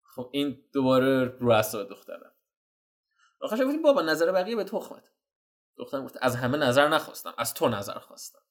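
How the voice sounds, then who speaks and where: A man giving casual, slangy dating advice while walking viewers through chat screenshots. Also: medium pitch. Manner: slangy, animated, addresses viewers as "guys". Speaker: dating coach.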